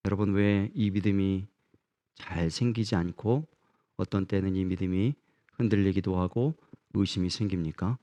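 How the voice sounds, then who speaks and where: Male pastor, middle-aged, rather low voice, earnest sermon, asks the room questions. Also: normal speed, dark tone, highs cut off.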